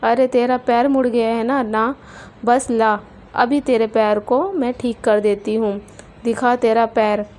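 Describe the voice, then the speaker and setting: A woman's voice: on the high side, level tone, a little slow, a little mellow, close to an everyday voice. A woman voicing a harsh scolding mother-in-law. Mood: scornful. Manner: scolding, taunting. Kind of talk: storybook character voice.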